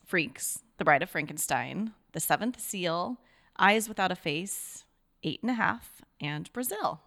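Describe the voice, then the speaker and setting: Low-voiced woman reading film trivia. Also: lively intonation, measured pace, gravelly, fairly bright tone. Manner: reads notes aloud with fillers. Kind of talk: reading facts in casual chat.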